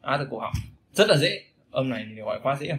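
Bright-voiced male pronunciation teacher. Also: medium pitch, animated, quick pace. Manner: repeats sounds and phrases many times, demonstrating vowels. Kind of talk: casual spoken lesson.

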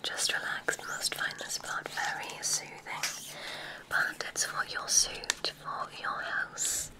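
In this ASMR roleplay, the performer takes the part of a gentle witch examiner at a school of magic, whispering quietly. She keeps her speech calm, measured and formal.

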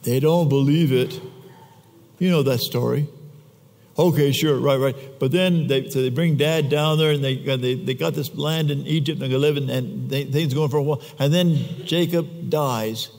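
A man's voice: mid-range voice, moderate pace, gravelly, darkish tone. A man preaching a sermon in a church, telling the story in a casual, conversational way with chatty asides. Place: church sanctuary. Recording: long church reverb.

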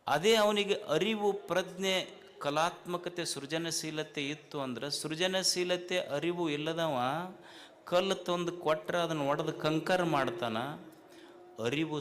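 A man with a North Karnataka Kannada accent giving a spiritual talk to a festival crowd, repeating lines and asking rhetorical questions with rising emphasis. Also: on the high side. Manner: hushes the crowd firmly and jokingly. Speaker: speaker addressing a festival gathering.

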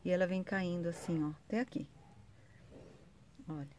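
A woman's voice: on the low side, fairly even intonation, moderate pace, a little mellow, a little hiss or hum. A woman giving a chatty, casual vlog tour of her sunny home garden, pointing things out to viewers, recorded outdoors on a handheld phone.

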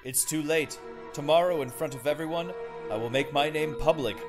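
A man acts as a noble young cartoon knight with a slightly high voice. He speaks solemnly and formally, firm yet loving, over loud music. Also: normal speed, natural voice. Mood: sad, resolute. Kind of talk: dubbed fairy tale cartoon. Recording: music behind the voice.

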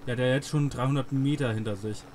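A man's voice: mid-range voice, steady tone, fast, darkish tone, slight background noise. A man giving casual gameplay commentary as a let's play host.

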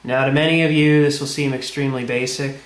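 Speaking quickly and steadily at medium pitch, a man shows how to do something with his hands, laying out the steps plainly and casually. The setting is an indoor tiled tabletop, recorded in an echoey space with background noise.

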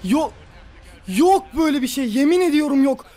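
Gaming YouTuber, male, high-pitched voice, furious ranting let's-play commentary. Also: animated, moderate pace, soft background music. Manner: furious ranting and yelling at an opponent; muttering and grumbling after the game.

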